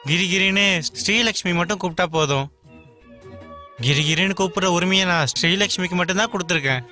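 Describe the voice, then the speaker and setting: Chatty lovesick young fella, high bright voice, film dub. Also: male voice, quick pace. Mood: eager. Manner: eager, rambling. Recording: film soundtrack with faint music.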